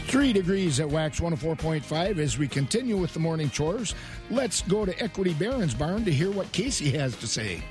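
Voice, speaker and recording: Lively higher-pitched male morning radio host. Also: moderate pace, soft background music. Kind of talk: live radio chat and links.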